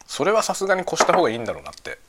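A man's voice: fairly high pitch, huge pitch swings, rapid-fire, noisy background. A middle-aged man chatting casually while eating, musing aloud in short phrases that trail off. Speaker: host of a lunchtime chat.

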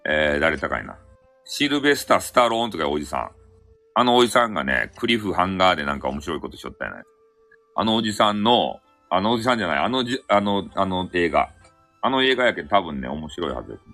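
A man with a Hakata dialect talks on a live audio stream in a low but bright voice that swings widely in pitch. He rambles, restarts and corrects himself as he goes. Faint music plays behind him. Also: sing-song, fast. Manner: rambling, self-correcting, chuckles. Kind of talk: casual solo live chat.

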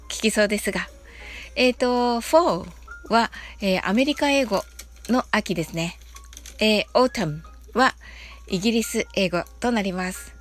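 A woman hosting an audio show, giving a relaxed English lesson in a soft, polite way, with many fillers and English words drawn out slowly. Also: a little high. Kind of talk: slow, friendly English lesson monologue.

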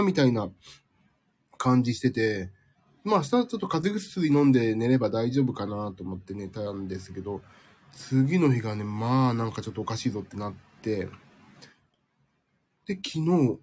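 A man's voice: medium pitch, darkish tone, husky. A man hosting a casual live stream from home, chatting with listeners in a sleepy, rambling, self-deprecating way, slightly nasal from a cold. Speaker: livestream host.

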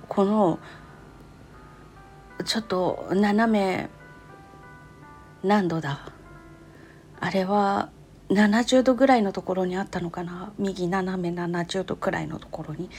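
This woman's cute, anime-like voice sits at medium pitch and sounds a little mellow. Keeping things casual and polite, she tells of her experience in short phrases for her personal audio diary.

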